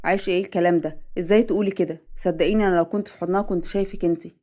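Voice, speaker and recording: A young husband, voiced by a woman, pleads and insists in an Egyptian accent. He speaks very fast, in a voice close to the narrator's own. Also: fairly low pitch, fairly even intonation, mellow, close to an everyday voice. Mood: pleading. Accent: Egyptian Arabic.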